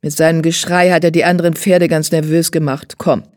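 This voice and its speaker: A woman voicing a kind, calm male riding teacher in an audiobook, speaking low and gently. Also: a little fast, dry recording, studio quality, natural voice. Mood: soothing.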